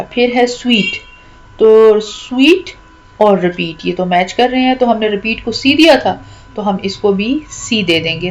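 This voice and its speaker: A woman teacher patiently explaining a poem's rhyme scheme, stretching out key words slowly and repeating each step. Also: medium pitch, poor audio. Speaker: English teacher.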